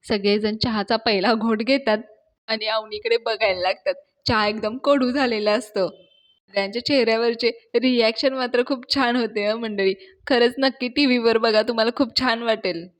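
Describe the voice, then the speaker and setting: A woman's voice: a little high, moderate pace. A woman in a casual storytelling recap, chattily retelling a TV serial episode and talking to her listeners. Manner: chatty, animated, addresses listeners. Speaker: TV serial reviewer.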